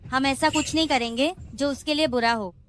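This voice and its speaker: A woman's voice: high-pitched, normal speed, fairly bright tone, a little hiss or hum. An actress playing a greedy, scheming middle-aged mother who sneers and then pleads shrilly. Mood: pleading.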